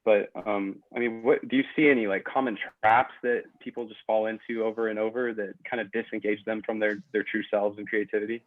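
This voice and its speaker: A man hosting a podcast, asking relaxed, thoughtful questions in casual conversation. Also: on the low side, a little fast, few pauses. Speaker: podcast host. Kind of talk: casual interview chat. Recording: tinny phone-like audio.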